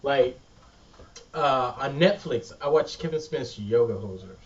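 A man co-hosting a casual podcast chat, animated and laughing often, swearing freely. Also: mid-range voice, a little slow. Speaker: podcast co-host. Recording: distant lo-fi mic.

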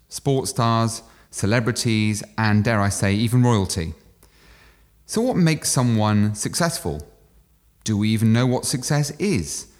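Low-voiced male podcast host. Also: darkish tone. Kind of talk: scripted intro, then interview questions.

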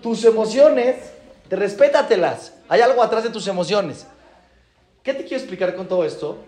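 A man's voice: high-pitched, moderate pace. A man, a rabbi giving a Torah class, acting out stories and repeating phrases for emphasis. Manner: animated, acts out dialogues, repeats phrases for emphasis. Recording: roomy echo.

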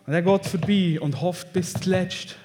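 A man with a Swiss German accent preaches in a high voice, swinging between loud declarations and hushed asides. His voice rings with long reverb through a large church hall, and soft music plays faintly behind him. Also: steady tone, normal speed. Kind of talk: sermon.

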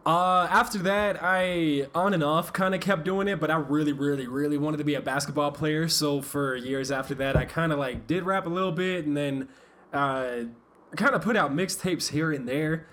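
Young guy with a slightly higher voice, chatting loose, laughs a lot between stories. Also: normal speed, a bit bright. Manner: laughs often, loose storytelling with fillers. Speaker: guest rapper. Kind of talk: casual chat.

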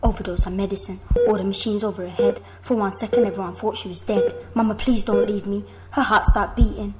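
A woman's voice: mid-range voice, fairly even intonation, fast. An eighteen-year-old woman performing a rhymed spoken word poem, with a rhythmic, pleading, intense delivery. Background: music playing underneath.

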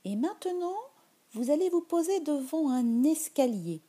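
A woman leading a guided meditation in a soft, soothing voice that drifts into whispers. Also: sits high, animated, measured pace.

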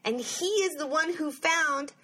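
A young woman hosting a podcast, telling a story in a chatty, animated way and saying "like" often. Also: high voice, a little slow, slight background noise. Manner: chatty, animated, uses "like" a lot. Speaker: podcast host. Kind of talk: casual chat, storytelling.

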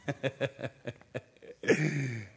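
A man preaching a lively sermon as pastor, acting out scenes, calling out sound effects and laughing. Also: medium pitch, very slow, vocal fry. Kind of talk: energetic bilingual sermon. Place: church.

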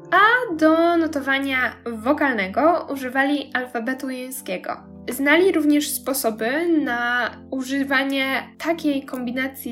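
A woman giving a spoken lecture on music history, explaining steadily with small hesitant fillers. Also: sits high. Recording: music playing clearly behind.

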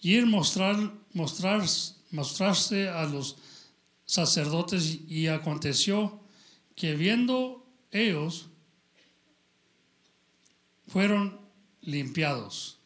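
Slow, high-voiced preacher. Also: male voice, expressive, fairly bright tone. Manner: halting, stumbles while reading aloud; addresses listeners as brother. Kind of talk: sermon with scripture reading.

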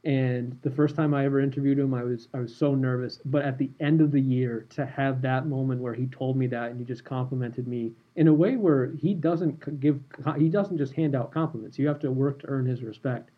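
A man hosting a podcast, telling a story in a relaxed, animated way. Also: mid-range voice, brisk, few pauses, phone-quality sound. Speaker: podcast host and former sports reporter.

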